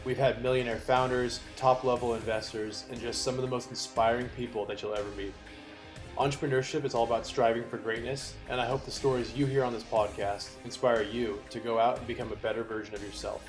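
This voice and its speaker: A man's voice: medium pitch, steady tone, a little fast, over music. A man hosting a podcast, reading an intro and chatting in an upbeat, joking way. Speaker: podcast host. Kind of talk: podcast intro and casual interview.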